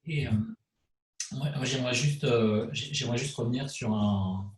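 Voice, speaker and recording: A man's voice: mid-range voice, normal speed. Man nearing fifty, distant and roomy. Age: late 40s. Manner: casual, hesitant questions with fillers. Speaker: host. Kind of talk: conversational interviewing.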